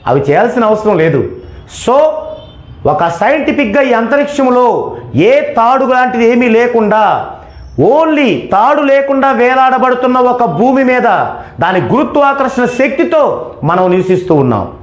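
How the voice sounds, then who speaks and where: A high-pitched man explains numerology with a lively, swooping delivery. He talks emphatically, posing questions and then answering them himself. His voice rings in an echoey room. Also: a little slow. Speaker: numerology teacher. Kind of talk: explanatory lecture.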